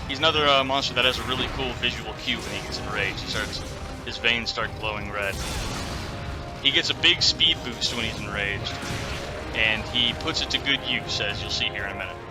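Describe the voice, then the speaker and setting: A man's voice: mid-range voice, a little fast, over loud music. A man giving casual, opinionated commentary as he plays a video game, with some loose swearing. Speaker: gaming video host. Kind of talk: casual game commentary over live play.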